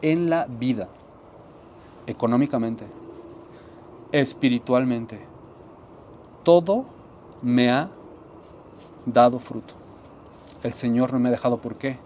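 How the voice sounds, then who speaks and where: A man, a pastor giving an earnest sermon testimony, often repeating phrases and dropping to soft tones for emphasis. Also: medium pitch, takes it slowly, long pauses, lo-fi sound, slight background noise.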